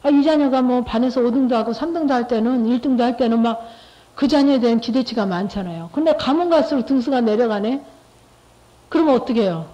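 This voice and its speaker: A middle-aged woman with a somewhat high but mellow voice shares her faith testimony with a church group. She talks conversationally, repeats herself and keeps turning to her listeners with rhetorical questions. The recording is dull and lo-fi. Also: brisk. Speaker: lay church speaker giving testimony.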